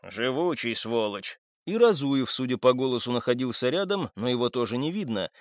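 A male audiobook narrator reading with a lively, swinging pitch. The sound is dry and close, with no room around it. His pitch sits in the middle range. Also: quick pace, dry recording. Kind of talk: scripted narration.

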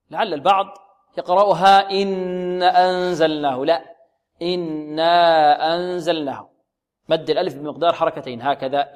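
رجل يقدّم درساً في تجويد القرآن، يطرح الأسئلة ثم يجيب عنها بنفسه، ويكرر نطق الحروف ببطء ليردده الطلاب. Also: male voice, high voice. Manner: asks questions and answers them himself, repeats sounds slowly for students. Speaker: Quran recitation teacher. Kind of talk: tajweed lesson. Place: radio program recording.

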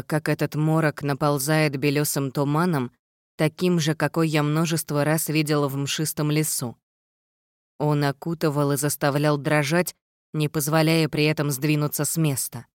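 Lady reading a fantasy audiobook, steady storytelling, really clean smooth voice. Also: low-pitched, no echo, clean studio sound. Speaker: audiobook reader. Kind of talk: first-person fantasy audiobook narration.

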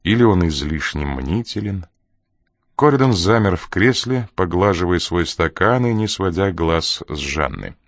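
A man narrating an audiobook in a steady, even reading voice. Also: low voice, measured pace, no echo, studio quality.

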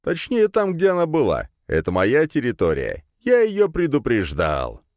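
A man's voice: medium pitch, huge pitch swings, normal speed, a little mellow, dry recording, studio quality, pitched above the performer's own voice. A man voicing a grim male ghost guardian in a storybook. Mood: smug. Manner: gloomy, knowing.

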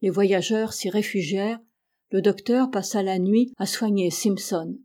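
Mellow-voiced woman reading an audiobook. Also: medium pitch, a little slow. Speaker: audiobook reader. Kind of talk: audiobook narration.

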